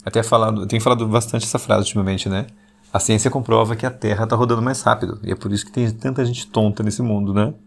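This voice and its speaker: A man, hosting an intimate late-night podcast monologue and deliberately talking slower and lower, though he still slips into speaking fast. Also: fairly even intonation, creaky. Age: 40s. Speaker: podcast host.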